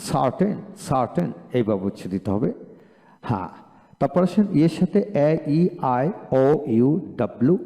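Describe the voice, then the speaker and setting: A man with a mellow, darker voice gives a classroom-style pronunciation lesson, saying each word twice, slow and loud. His voice rings with a long hall reverb. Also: mid-range voice. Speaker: English pronunciation teacher.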